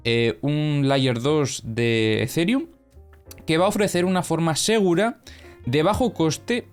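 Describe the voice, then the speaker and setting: A young man runs through crypto news in a chatty, explanatory way, stopping for fillers and correcting himself as he goes. His voice sits a little high and sounds smooth and clear. Faint music plays behind him. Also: slow. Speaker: crypto news and analysis host. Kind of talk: casual news commentary.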